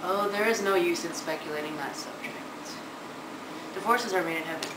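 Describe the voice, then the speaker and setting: Young man acting idle witty gentleman, formal and measured, amateur stage play, distant camera sound. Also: sits high, lightly acted. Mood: lofty scolding. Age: teenager to young adult. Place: large living room, indoors. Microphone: camera a few metres away. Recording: echoey, noisy room from camera distance.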